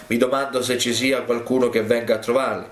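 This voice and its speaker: A man voicing a tired, gentle old prophet who speaks tenderly to his young servant in a retold sermon story. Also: medium pitch, flat delivery, fairly quick, reverberant, natural voice. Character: weary old male prophet, gentle and kindly.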